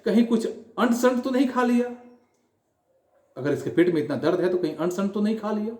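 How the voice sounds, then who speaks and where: Male teacher reading as a worried mother coaxing her sick son. High, soothing voice in an echoey room. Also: lively intonation, brisk, darkish tone.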